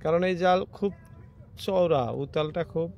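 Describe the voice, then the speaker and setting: A man's voice: on the high side, fairly even intonation, normal speed, highs cut off. A man, giving casual live commentary to viewers from a small wooden boat on a wide river, pointing things out as they happen. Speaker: fishing vlogger filming from a boat. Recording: faint wind, water and boat noise.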